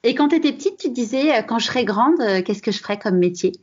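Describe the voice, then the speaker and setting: A woman hosting a podcast interview, asking questions in a gentle, hesitant way. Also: on the high side, animated, fast talker, slightly rough, dull audio. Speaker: podcast host.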